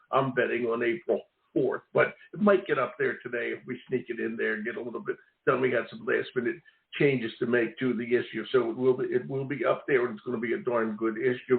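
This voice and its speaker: A man's voice: medium pitch, creaky. Older guy hosting a talk radio show, chatty and loose, sounds tinny like a phone line. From Maine. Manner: chatty, rambling, laughs easily. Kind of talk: casual radio interview chat.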